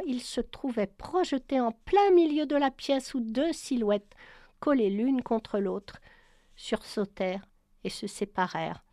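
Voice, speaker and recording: A woman narrating a science fiction novel in a steady, measured reading. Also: on the high side, dry recording, studio quality. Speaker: audiobook narrator. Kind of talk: storybook narration.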